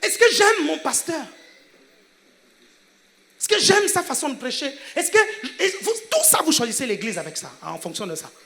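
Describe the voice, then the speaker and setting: Gabonese male pastor, high and bright, emphatic preacher, checks in with the congregation constantly. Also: big pitch swings, moderate pace, creaky. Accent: Gabonese French. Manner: laughs between phrases, swings from loud to hushed. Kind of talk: sermon.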